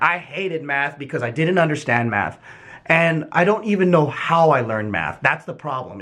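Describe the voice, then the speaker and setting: Profane, animated high-voiced man. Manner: candid and profane, animated retelling. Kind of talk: casual storytelling monologue.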